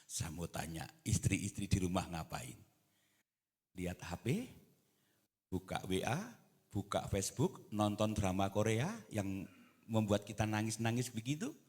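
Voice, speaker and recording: A man preaching a sermon in church, moving between quiet talk and loud, impassioned exhortation. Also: on the low side, lively intonation, measured pace, long pauses. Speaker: pastor. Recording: reverberant church hall.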